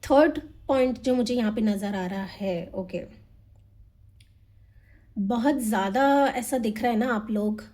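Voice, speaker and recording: A young woman giving a tarot reading, talking fast and energetically and mixing Hindi with English. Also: medium pitch, darkish tone. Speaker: tarot reader. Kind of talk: monthly tarot reading to camera.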